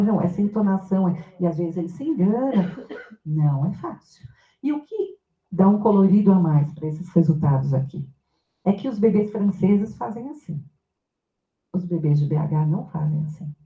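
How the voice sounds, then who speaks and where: Woman lecturer, engaging and questioning, recorded in an echoey amphitheater. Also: lowish voice. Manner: engaging, asks the audience questions. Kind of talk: academic lecture. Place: university amphitheater. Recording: echoey hall, tinny phone-like sound.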